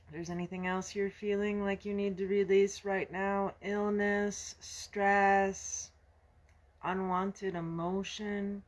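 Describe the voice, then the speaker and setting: Female yoga teacher, unhurried, soothing, mid pitch, gentle delivery. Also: muffled recording. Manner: slow, soft, soothing guidance. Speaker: yoga instructor. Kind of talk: guided breathing instruction.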